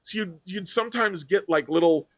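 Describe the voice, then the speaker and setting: A man's voice: high-pitched, normal speed, dry recording, studio quality. A man co-hosting a sports podcast, explaining things in a rambling casual way with many ums and restarts. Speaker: podcast co-host. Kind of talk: casual chat.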